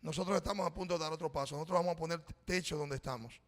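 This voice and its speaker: A man's voice: a little high, rapid-fire. A middle-aged man preaching a sermon as a pastor, telling a personal story in a conversational way and calling the congregation brothers. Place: church. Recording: reverberant church hall.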